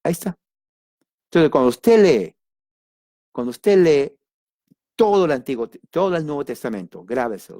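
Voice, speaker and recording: A man's voice: a little high, very animated, normal speed, long pauses, dark tone, no room sound, studio quality. A man giving an informal Bible study lesson, talking conversationally and addressing listeners directly, with emphatic asides. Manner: emphatic asides and sudden exclamations. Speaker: Bible teacher.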